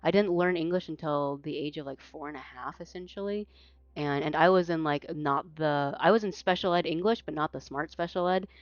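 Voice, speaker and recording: A woman whose first language is Mandarin casts an esports tournament in casual post-match chat, rambling and self-correcting with lots of fillers and restarts. Her low-pitched voice runs a little fast, recorded dry with highs cut off.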